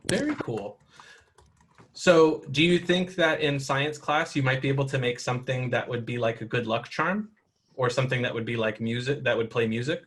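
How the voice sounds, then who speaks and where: A man's voice: mid-range voice, normal speed, a bit bright. A man running a tabletop role-playing game for children, explaining the rules patiently and encouraging the players. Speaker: game master.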